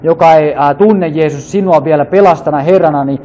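A man's voice: on the high side, warm tone, a little hiss or hum. A man leading a fervent free prayer, calling out repeated invocations and sometimes speaking in tongues. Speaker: prayer leader.

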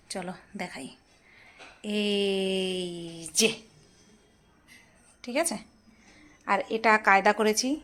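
A woman's voice: mid-range voice, a bit bright, slight background noise, low-quality recording. A woman chatting casually to her viewers in a home vlog, tired after little sleep. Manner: chatty, addresses viewers directly. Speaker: home vlogger. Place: home, indoors.

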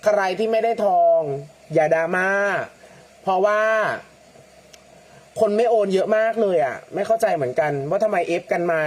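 A man hosting a lottery livestream, chatting casually, reading out viewer comments and using soft feminine polite particles. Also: sits high. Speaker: lottery-number livestream host.

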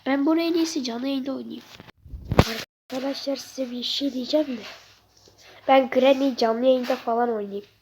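A woman's voice: high-pitched, fairly even intonation, moderate pace, background noise. A woman with a stuffy nose, rambling, swearing and muttering nervously as she comments on her gameplay. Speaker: gamer. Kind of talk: let's-play commentary.

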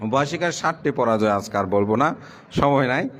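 A man's voice: expressive, moderate pace, fairly bright tone, slight background noise. Male buddhist monk, middle-aged, conversational sermon, voice sinks at the close of each point. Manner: plain conversational preaching, pitch drops at the end of points. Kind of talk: sermon to lay followers.

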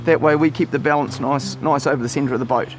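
A man's voice: medium pitch, steady tone, fast, music in the background. A middle-aged man with a broad New Zealand accent, chatting casually and explaining things as a river guide outdoors. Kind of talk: casual instructional chat.

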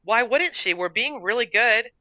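A timid little girl with big, tearful eyes, as a woman puts her on for a storybook reading. Her voice is high and pleading, and it swings up and down with feeling. The recording sounds dull, lo-fi and dry. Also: expressive, normal speed, sharp tone, no room sound. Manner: high, pleading and wide-eyed.

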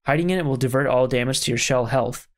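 A man's voice: mid-range voice, fast. A young man giving casual, exclamatory let's-play commentary as a gaming host. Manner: excitable, exclamatory. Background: game music.

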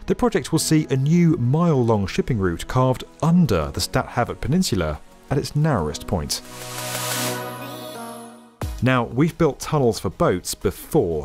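A man narrating a scripted documentary in a lively, upbeat explainer manner. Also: medium pitch. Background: faint background music.

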